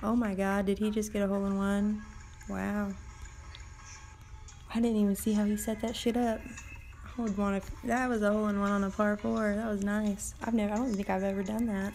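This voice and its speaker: Woman streamer, mellow gravelly voice, tired late-night chat over her game with soft music behind. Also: medium pitch, flat delivery, moderate pace. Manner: chatty, rambling, casual swearing. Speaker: mobile game livestreamer. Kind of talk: casual live gameplay commentary.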